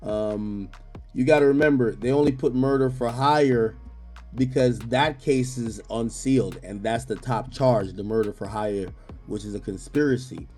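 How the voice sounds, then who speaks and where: A man's voice: medium pitch, a little slow, darkish tone, faint music behind. Man breaking things down in casual chat. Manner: explains step by step, many restarts, laughs easily. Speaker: commentator.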